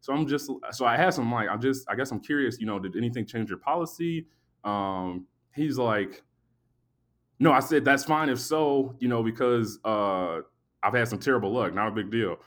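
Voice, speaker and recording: A sleepy man hosts a podcast and tells a long story in a loose, animated way. He swears freely and plays out both sides of a conversation in his own voice. His pitch sits in an ordinary middle range. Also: moderate pace. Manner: animated, profane, acts out both sides of the exchange. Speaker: podcast host. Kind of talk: casual storytelling.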